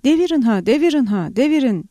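A woman reading the part of a young landowner rallying his threshing crew, bellowing encouragement in a dark, mellow voice. The sound is close and dry. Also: sits high, lively intonation, quick pace, no echo. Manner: loud rallying cries. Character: young male landowner urging on farmhands.

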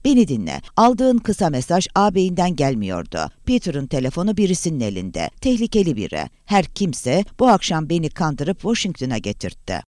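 A man voicing a worried middle-aged male professor who talks in a halting, cracked, urgent way. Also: fairly high pitch, wildly swooping pitch, darkish tone, no room sound, clean studio sound.

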